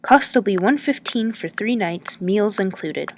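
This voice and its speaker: A woman's voice: medium pitch, lively intonation, unhurried, slight background noise. Woman reading as a chatty folksy innkeeper man. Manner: rambling, folksy talk. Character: chatty male lodging-house keeper, friendly and teasing.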